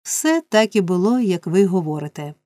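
A woman's voice: lowish voice, lively intonation, moderate pace, dark tone, dry recording, clean studio sound, lightly acted. A woman voicing a sleepy, sly young male informer in an audiobook reading, drawling and smug.

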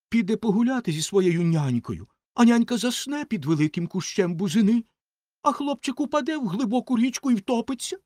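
Man voicing a pompous female firework, theatrical, high voice, dry sound. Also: mellow, no room sound, lightly acted. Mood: melodramatic. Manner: haughty and theatrical. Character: vain, self-pitying female rocket firework.

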